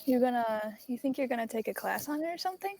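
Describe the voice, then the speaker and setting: Woman player, casual in-character chat, slightly high voice, hesitant. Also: lively intonation, fast talker, darkish tone. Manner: chatty, hesitant with many fillers. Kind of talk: playing a tabletop game in character.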